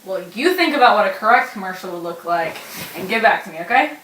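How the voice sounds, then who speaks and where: A young woman plays the explainer in a scripted educational skit. She walks through each point patiently, step by step, at an ordinary middle pitch. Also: lively intonation, quick pace, fairly bright tone, a little hiss or hum, rough recording. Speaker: explainer in a school video skit.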